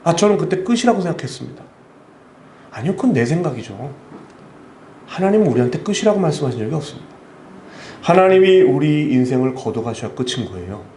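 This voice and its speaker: A man's voice: fairly high pitch, very animated, fast, long pauses. Impassioned male missionary preaching in an echoey church. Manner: impassioned, swings between loud appeals and hushed storytelling. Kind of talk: emotional sermon. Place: church sanctuary. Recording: echoey church hall with faint ambient noise.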